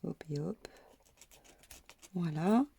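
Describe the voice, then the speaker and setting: A woman's voice: fairly low pitch, extremely slow, creaky, very noisy. A middle-aged woman talking her viewers through a sewing tutorial as she works, chatty and self-mocking, peppering her steps with "hop" and "voilà".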